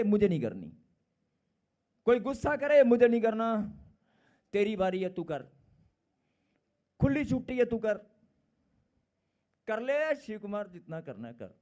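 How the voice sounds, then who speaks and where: Slow, high-voiced emphatic male preacher. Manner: emphatic, repeats phrases, swings from loud to quiet. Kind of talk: sermon.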